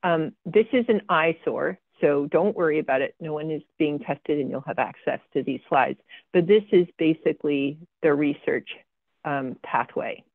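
A woman's voice: low voice, moderate pace, no echo. A woman giving a slide presentation about her research. She talks with frequent ums and dry, sarcastic asides. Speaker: guest speaker presenting research. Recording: tinny phone-like video call audio, dry.

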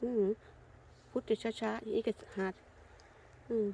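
A woman's voice: on the high side, steady tone, slow, vocal fry, slight background noise. Older Isan Thai woman vlogging in the forest. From Thailand. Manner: chatty, warmly addresses viewers as kin, sweet polite endings. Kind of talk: casual narrating vlog while foraging. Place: forest outdoors.

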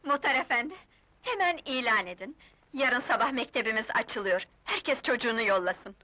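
A kind, idealistic village schoolteacher in an old film melodrama. Her voice is fairly high and forceful, with earnest, carefully declaimed phrases. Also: lively intonation, normal speed, a little hiss or hum. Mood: earnest, resolute.

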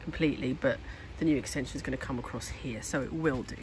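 A woman's voice: a bass voice, quick pace, background noise. A woman giving a casual walk-and-talk vlog about her home renovation, chatty and thinking aloud, recorded outdoors in a garden on a handheld phone. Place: outdoors in a garden building site. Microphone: handheld phone camera.

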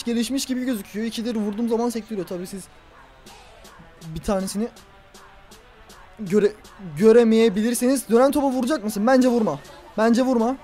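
A young man commentating his own football video game play, talking to himself and the players and yelling at big moments. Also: extremely high pitch. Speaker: gaming YouTuber.

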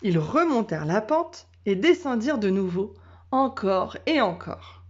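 A woman teacher reading a children's storybook aloud in a calm, measured way. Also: mid-range voice, breathy edge. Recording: dull lo-fi sound.

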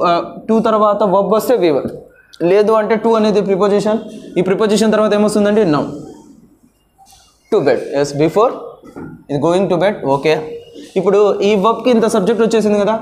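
A man teaching English grammar in a classroom lesson, asking quick questions and answering them himself with lots of repetition. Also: high voice, darkish tone, a little hiss or hum.

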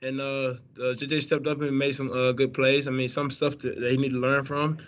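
A young college quarterback takes post-game press questions over a webcam video call from an indoor press room with a branded backdrop. He's laid-back, full of fillers and restarts, speaking a little fast in a medium-pitched, slightly bright voice with little pitch movement. The audio is muffled.

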